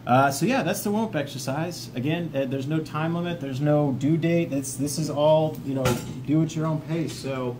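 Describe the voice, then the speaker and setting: This vlog host is a man whose fairly high voice moves at a moderate pace with few pauses. Acting as a peer mentor for trauma coping, he offers informal, encouraging guidance in plain, casual language, reading some of it from notes, while noticeable ambient noise fills the background.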